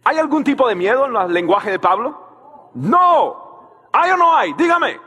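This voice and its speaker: A man preaching a sermon as pastor, telling a story and shouting out key lines while he asks the crowd to answer him. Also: extremely high pitch, very animated, unhurried, slightly rough, in a large hall.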